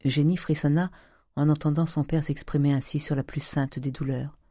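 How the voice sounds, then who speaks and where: A man narrating a classic novel as an audiobook reader, in a measured, even way. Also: on the high side, no echo, studio quality. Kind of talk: literary narration.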